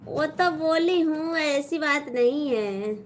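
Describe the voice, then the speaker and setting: A woman's voice: high voice, takes it slowly, slight background noise. A young Awadhi woman on a casual live stream, chatty and teasing as she reads viewer comments aloud and replies.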